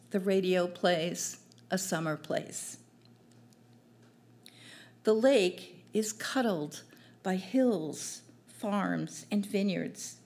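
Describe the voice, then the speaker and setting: Older woman, poetry reading, unhurried, gentle measured delivery, small cafe stage, stand mic. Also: mid-range voice. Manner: slow, gentle, measured recital. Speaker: poet at an open mic. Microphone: stand mic at a distance.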